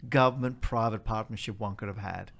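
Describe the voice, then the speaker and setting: A man's voice: lowish voice, steady tone, fairly quick, vocal fry, a bit bright. A man with an Australian accent, a charity leader explaining in an interview step by step and stressing key points by repeating them.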